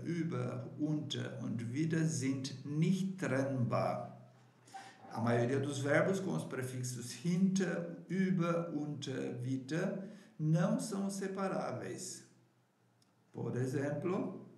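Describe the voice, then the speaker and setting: A man teaching a grammar lesson, explaining haltingly with many fillers and "right?" checks, and carefully pronouncing example words. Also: medium pitch, gravelly, a little mellow, reverberant. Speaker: German teacher.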